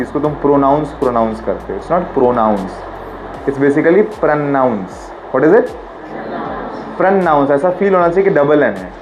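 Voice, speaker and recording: सवाल दोहराता हुआ हिंदी-अंग्रेज़ी शिक्षक. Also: male voice, on the high side, background noise. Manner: quizzing, repeats questions, drills pronunciation. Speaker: teacher. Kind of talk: classroom lecture.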